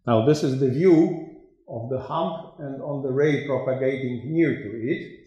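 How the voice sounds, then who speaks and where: An older man giving an academic conference lecture, slow and hesitant with many fillers and restarts, in a dark lecture room. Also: medium pitch, very echoey, lo-fi sound. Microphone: room microphone.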